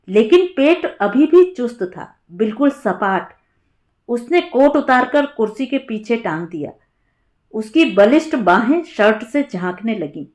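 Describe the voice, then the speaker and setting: एक महिला, जिसकी आवाज़ थोड़ी ऊँची है, पहले पुरुष में एक कहानी सुनाती है। उसका सुनाने का ढंग शांत और सोच में डूबा हुआ है, जैसे वह अपनी ही यादें पढ़ रही हो।. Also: female voice, a little high. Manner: calm, reflective first-person telling. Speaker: story narrator. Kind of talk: storybook narration.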